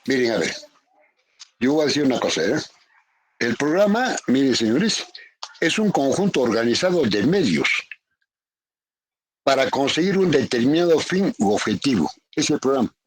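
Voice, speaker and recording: A man from Peru gives a university economics lecture over a video call at an ordinary pitch. He goes over each definition twice and checks in with his students again and again. A faint hiss sits under the audio. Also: sing-song, normal speed, long pauses. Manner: calls on students by name, repeats definitions with tag questions. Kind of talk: lecturing in a virtual class. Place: home, online class. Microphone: computer mic on a video call.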